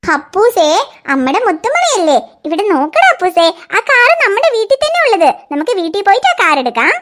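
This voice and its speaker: A woman's voice: extremely high pitch, very animated, fairly quick, fairly bright tone, exaggerated voice. A woman voicing a fretful young cartoon mother. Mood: coaxing. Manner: coaxing, sing-song, fretful sighs. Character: young mother fussing over her crying toddler. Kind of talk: cartoon dialogue.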